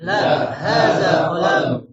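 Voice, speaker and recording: A man's voice: high voice, expressive, slow pace, distant mic, crowd noise. Male students in a classroom repeating phrases after the teacher. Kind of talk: repeating in chorus. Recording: echoey noisy classroom, muffled.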